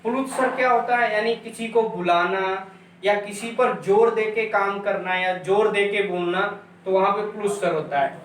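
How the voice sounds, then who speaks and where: A man's voice: sits high, moderate pace, fairly bright tone, recorded from a distance. A male teacher giving an exam-prep lecture, repeating points and drilling sounds aloud for his students. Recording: echoey room, voice from afar, faint noise.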